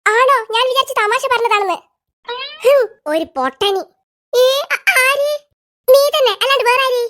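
A voice actor voicing squeaky schoolkids in an animated comedy, trading quick teasing banter. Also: heavily acted. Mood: bickering. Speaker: cartoon voice actor.

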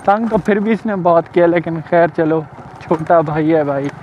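Casting: young Saraiki-accented man, high voice, playful teasing vlogger, muffled bike-cam audio with faint traffic. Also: moderate pace. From Pakistan. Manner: teasing, repeats himself, calls out loudly. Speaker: motovlogger. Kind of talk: casual vlog chat. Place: riding a motorbike outdoors in town.

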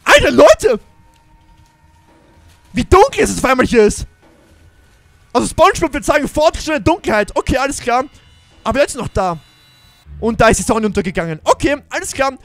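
A man's voice: very high voice, big pitch swings, a little fast, gravelly, long pauses, a bit bright, no room sound, faint music behind. A man giving jumpy, exclaiming commentary on a Minecraft role-play adventure, talking straight to his viewers. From Germany. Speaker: gaming YouTuber.

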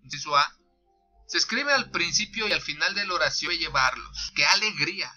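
A man with a Mexican accent teaching a punctuation lesson, reading examples slowly and naming each punctuation mark aloud. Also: fairly high pitch, expressive, bright, forceful tone, muffled recording, faint music behind. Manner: slow, deliberate dictation of examples with punctuation named aloud; thinks aloud with restarts and fillers.

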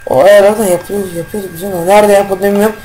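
A man giving casual, rambling let's-play commentary as a gaming YouTuber, slangy and quick to get irritated, with faint game music behind him. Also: high voice, steady tone, low-quality recording.

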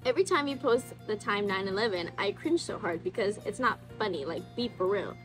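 A woman's voice: medium pitch, animated, brisk, faint music behind. A woman in her twenties hosting a casual chat, reading messages aloud and commenting in an informal, slangy way. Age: 20s. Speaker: host reading viewer confessions.

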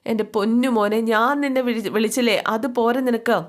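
A woman's voice: on the high side, fairly even intonation, brisk, lightly acted. A woman voicing a tearful older mother begging her son to come home. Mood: pleading. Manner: pleading, emotional.

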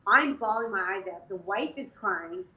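A woman in her forties from Canada, a jockey guest telling stories in an animated, casual way full of fillers. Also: medium pitch, normal speed. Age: 40s. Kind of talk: casual interview storytelling. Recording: echoey room, faint noise.

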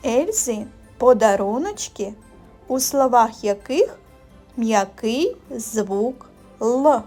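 A woman speech therapist giving a children's lesson, asking slow questions with pauses for answers and praising the kids. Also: fairly high pitch, a little mellow. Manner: encouraging teacher tone, praising.

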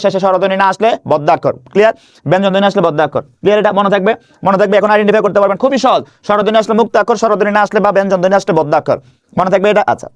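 A man's voice: sits high, no room sound. A man teaching Bangla grammar in an online video lesson, drilling students with repeated questions and answers. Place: indoor room.

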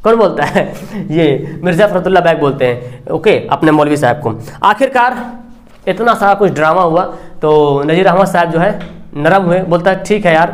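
A man with a high-pitched voice lectures a class on a story. He tells it in a lively way, acting out the characters' lines and checking in with the class over and over. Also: normal speed. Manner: repeats filler tag "theek hai na". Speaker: teacher.

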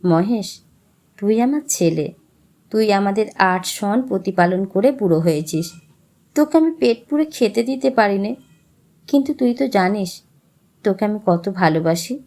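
A woman voicing a poor, gentle old male farmer who speaks softly and tenderly. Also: medium pitch, animated, normal speed, close to an everyday voice. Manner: soft, tender, pleading.

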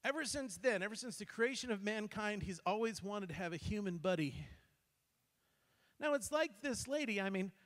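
High-pitched guy pastor telling a church story, lively, trips over his words, big reverb in the sanctuary. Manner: animated, acts out quotes, frequent restarts. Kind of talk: sermon storytelling. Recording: long hall reverb.

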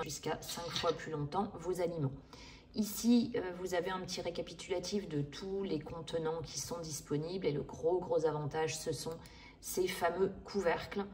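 A woman's voice: on the low side, darkish tone. Chatty woman demoing in her kitchen. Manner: chatty, hesitant with frequent fillers. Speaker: cooking vlogger demonstrating a product. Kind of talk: casual product demonstration. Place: home kitchen, indoors.

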